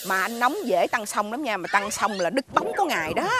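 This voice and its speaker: A woman's voice: mid-range voice, sing-song, fairly quick, lightly acted. A woman with a Southern Vietnamese accent playing a prim neighbor who preaches patience in a TV comedy sketch, talking in an exaggerated sing-song with squealing outbursts. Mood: preachy. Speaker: comic actress in a TV sketch. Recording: music bed under the dialogue.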